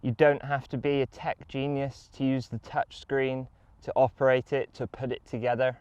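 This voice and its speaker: A man's voice: medium pitch, flat delivery, normal speed, a little mellow, clear, resonant tone, no echo. A man giving an enthusiastic, casual product review while playing a round of golf outdoors. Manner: enthusiastic, upbeat.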